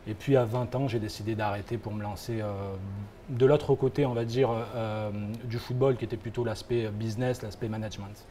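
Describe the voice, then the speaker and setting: A young man from France, founder of a football agency, answers interview questions as a guest, hesitating often with many fillers and restarts. His lowish, mellow voice has fairly even intonation and a slightly fast pace, with slight background noise.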